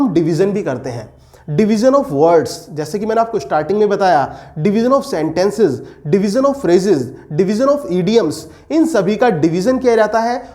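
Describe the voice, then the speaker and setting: A man teaching English pedagogy for teacher exams, posing questions to his students and slowing down to dictate definitions. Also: high voice, a little mellow. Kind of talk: exam-prep lecture.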